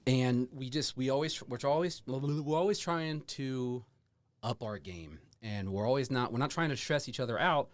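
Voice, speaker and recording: A man's voice: medium pitch, moderate pace, no room sound. A man hosting a podcast with effusive, casual talk that repeats itself and slips into hyped announcing and swearing. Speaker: podcast host.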